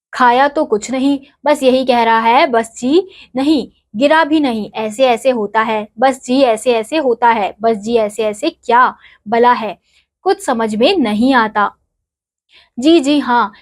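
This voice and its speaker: Read-aloud play: woman playing an anxious, deferential father on a phone call, lightly raised voice. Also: a little high. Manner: polite, hurried, deferential.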